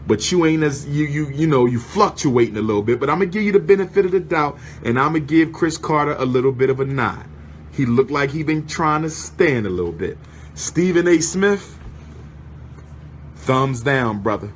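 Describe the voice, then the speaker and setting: A man's voice: fairly high pitch, normal speed, slight background noise. A man giving impassioned, sermon-like commentary, fiery and repetitive as he calls people out one after another.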